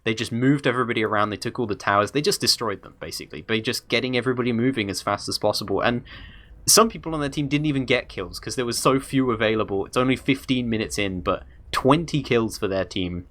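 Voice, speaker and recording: A man's voice: mid-range voice, fast talker, fairly bright tone. A man casting an esports match, talking through the game in a chatty, rambling way. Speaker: esports commentator. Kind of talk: casual esports commentary.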